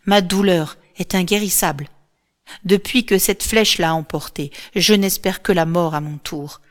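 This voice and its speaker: A woman voicing a grieving, hardened widowed queen who speaks in a flat, cold, measured way. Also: fairly low pitch, close to an everyday voice. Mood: bitter.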